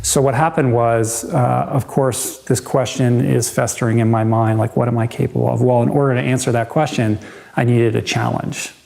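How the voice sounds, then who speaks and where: A man telling the story of his endurance challenge in an animated, storytelling documentary interview. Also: medium pitch, moderate pace, creaky. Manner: animated storyteller, acts out doubters' voices.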